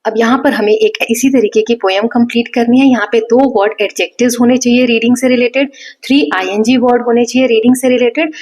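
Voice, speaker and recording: A woman's voice: a little high, steady tone, quick pace, a little mellow. Patient Indian woman teaching a class. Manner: patient and repetitive, checks in with "है ना". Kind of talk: explaining a textbook lesson in Hindi mixed with English.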